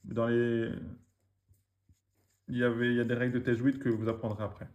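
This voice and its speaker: A man teaching a reading lesson, slowly drilling words syllable by syllable, with quick asides in between. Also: medium pitch, little pitch movement, darkish tone. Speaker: Arabic teacher.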